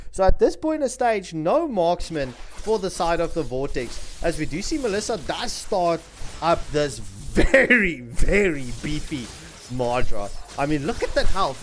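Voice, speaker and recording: A man giving live esports commentary in an animated, chatty way, repeating himself for emphasis. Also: on the high side. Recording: noisy stream mic with clicks.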